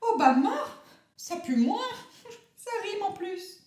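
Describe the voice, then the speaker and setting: A grand national actress with a fearful, fussy streak, as a woman puts her on for a comic radio sketch. Her voice sits high and swoops widely, and she talks in an affected, precious and rambling manner. The recording is roomy. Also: sing-song, moderate pace, a little mellow.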